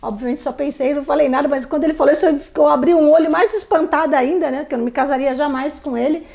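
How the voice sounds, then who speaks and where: Woman, high voice, animated storytelling, live stream host. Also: quick pace, vocal fry. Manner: animated, acts out quoted voices.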